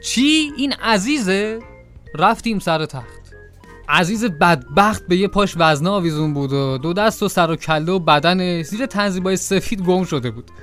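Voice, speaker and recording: A man narrating a comic audio drama in a lively storytelling manner. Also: high-pitched, soft background music.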